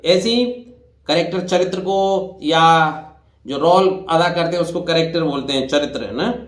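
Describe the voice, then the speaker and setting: A man in his fifties teaching English pronunciation, speaking deliberately, repeating each word and spelling out letters while addressing listeners directly. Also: on the high side, echoey room. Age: 50s. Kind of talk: classroom-style spoken lesson.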